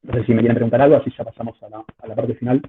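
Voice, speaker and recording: A man's voice: medium pitch, level tone, rapid-fire. A man with an Argentine accent giving an informal online lecture as a teacher, hesitant and repeating words as he explains, heard through choppy call audio. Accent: Argentine Spanish. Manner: hesitant, repetitive phrasing while explaining. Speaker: university statistics lecturer. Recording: choppy phone-like call audio, faint noise, clicks.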